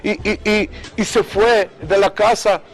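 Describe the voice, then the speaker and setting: A man's voice: high-pitched, unhurried. A middle-aged man giving an emotional personal testimony in an earnest way, often repeating words for emphasis. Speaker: speaker giving a religious testimony.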